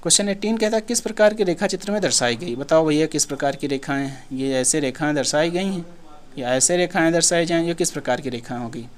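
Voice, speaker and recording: Casual, slightly high-voiced male teacher. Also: fast talker. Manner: casual, repeats himself, asks and answers his own questions. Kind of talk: exam-prep lesson, solving questions.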